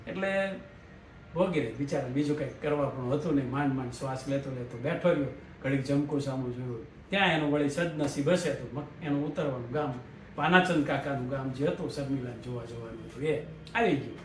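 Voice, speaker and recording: A man telling a comic story with lively, chuckling narration. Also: medium pitch, brisk, a little hiss or hum. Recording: roomy, distant mic, faint ambience.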